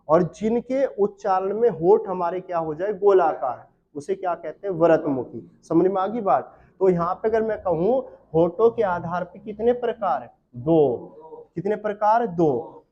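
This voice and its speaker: Man, Hindi grammar lesson, question-and-answer drilling, slow repeated terms, slightly high pitch. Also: darkish tone. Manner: asks students questions and answers them himself, repeats key terms slowly. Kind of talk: exam-prep class lecture. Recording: dull lo-fi sound.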